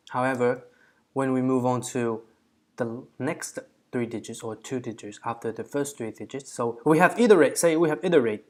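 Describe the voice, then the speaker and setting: At a medium pitch, a man hosting a coding challenge thinks aloud casually while working through a problem, counting out digits and correcting himself along the way.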